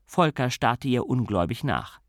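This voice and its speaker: A man narrating an audiobook in a lively, expressive way on a close mic. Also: mid-range voice, normal speed, no echo.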